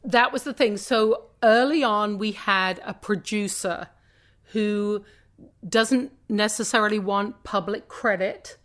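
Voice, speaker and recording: A woman's voice: mid-range voice, slow, a bit bright. Chatty British woman, theatre guest. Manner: chatty, many restarts and asides. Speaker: guest, theatre company founder. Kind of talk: casual podcast interview.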